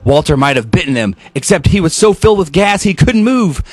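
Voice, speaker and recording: A man's voice: fairly high pitch, sing-song, fairly quick, no room sound. A man who works as a radio host reads a storybook aloud in a playful, mock-dramatic way, with off-the-cuff asides.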